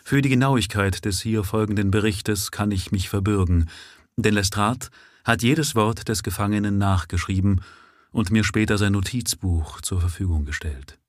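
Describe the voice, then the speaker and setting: Man, live sight-reading of a novel, low voice, dry sound. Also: moderate pace, no room sound. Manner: steady storytelling. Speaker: reader.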